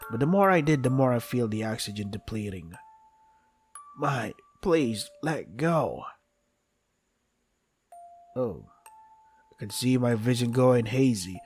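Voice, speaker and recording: A man narrates a visual novel playthrough in a medium-pitched voice. He dramatizes the lines he reads and slips into casual, joking commentary. Game music plays behind him. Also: darkish tone. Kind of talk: reading game text aloud with casual asides.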